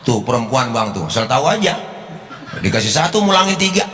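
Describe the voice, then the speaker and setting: A man giving a comic sermon in a lively, joking, slangy way, often slipping into a sing-song delivery. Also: mid-range voice, a little fast. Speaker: preacher. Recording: echoey hall, faint music.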